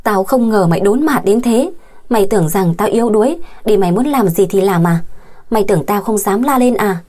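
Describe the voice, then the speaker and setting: A woman's voice: medium pitch, lively intonation, fairly quick, mellow, natural voice. A woman reading the part of a betrayed young woman who pleads for help and scorns her deceiver, in an audio story. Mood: contemptuous. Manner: pleading and contemptuous.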